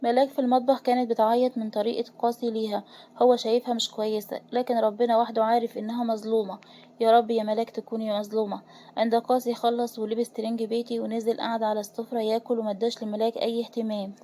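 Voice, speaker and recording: A woman's voice: fairly high pitch, little pitch movement, dark tone. A woman with an Egyptian Arabic accent narrating a dramatic romance story, voicing its characters' lines with feeling. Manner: fast, emotional storytelling with voiced quotes.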